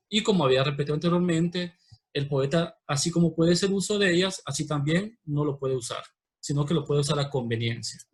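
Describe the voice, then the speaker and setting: Slow explaining Honduran man teacher. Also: on the high side. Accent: Honduran Spanish. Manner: explanatory, patient, slows to spell out examples. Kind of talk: recorded virtual class lesson.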